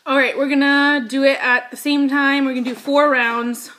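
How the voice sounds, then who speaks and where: A woman's voice: high voice, little pitch movement, moderate pace, a bit bright. A young woman talking casually as co-host of a home vlog, seated a little back from the camera mic in a kitchen. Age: young adult. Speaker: vlogger co-hosting a challenge video. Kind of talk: casual chat. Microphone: device camera mic, seated slightly back.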